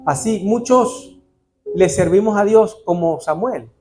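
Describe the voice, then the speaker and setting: Male preacher, earnest sermon delivery, slightly high voice, clear music underneath. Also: takes it slowly. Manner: earnest, addresses the congregation as brother. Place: church.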